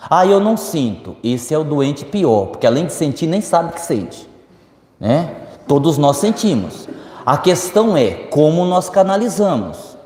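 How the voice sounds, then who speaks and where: A man with a Brazilian Portuguese accent delivers a spiritist lecture in a lecture hall, whose echoey reverb fills the recording. His voice is a little high and his pace measured. Lively and speaking directly to the audience, he answers their questions and acts out other people's quoted voices.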